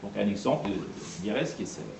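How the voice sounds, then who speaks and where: A man's voice: fairly low pitch, animated, creaky. A man gives a lecture on poetry and translation, patiently repeating and spelling out each term. His voice comes from some distance off in a very echoey hall. A faint room hum sits behind him. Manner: patient, repeats and spells out terms, pausing often. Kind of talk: explanatory talk to an audience.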